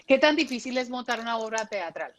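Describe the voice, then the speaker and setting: A woman interviewer asking short, direct questions. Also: fairly high pitch.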